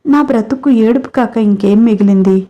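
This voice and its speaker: A woman's voice: fairly high pitch, moderate pace, dull audio, natural voice. Woman voicing a hurt, fiery young wife. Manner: emotional, scolding. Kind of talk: storybook character reading.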